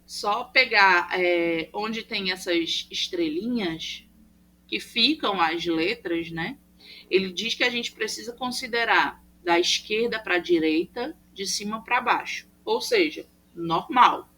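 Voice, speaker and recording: A woman's voice: mid-range voice, animated, slow pace, bright, forceful tone, slight background noise. A woman teaching a class over a video call, explaining step by step with patient fillers. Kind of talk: online class lecture. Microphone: computer mic on a video call.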